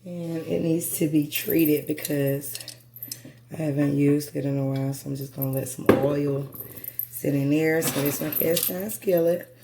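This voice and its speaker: A middle-aged woman with a smoker's rasp, chatting casually to viewers while busy in her kitchen. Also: sits low, steady tone, moderate pace. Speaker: vlogger. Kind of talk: casual chatty cook-with-me vlog. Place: indoor home kitchen. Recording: noisy kitchen with clattering and clicks.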